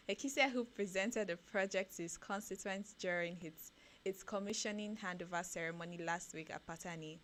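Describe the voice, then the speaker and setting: A low-voiced Nigerian woman co-hosts a radio breakfast show from the studio, doing a newspaper review: headlines first, then lively commentary that rises with excitement. Her accent is Nigerian English, and a little hiss or hum is present.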